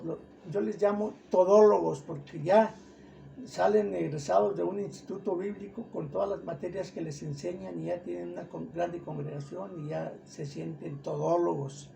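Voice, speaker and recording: A man's voice: high voice, gravelly, warm tone, a little hiss or hum. A middle-aged man preaching a fervent sermon, asking his listeners questions and repeating words for emphasis.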